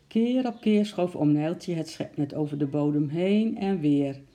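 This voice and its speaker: Gravelly, dark-voiced storybook reader. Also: medium pitch, lively intonation, a little slow. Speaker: narrator. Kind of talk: reading a children's story aloud.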